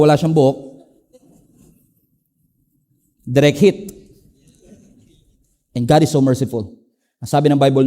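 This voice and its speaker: Middle-aged male Filipino pastor, high-pitched, animated sermon storyteller with dramatic swings in emphasis. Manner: animated storytelling, swings between emphatic highs and low asides. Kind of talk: preaching a sermon in Taglish.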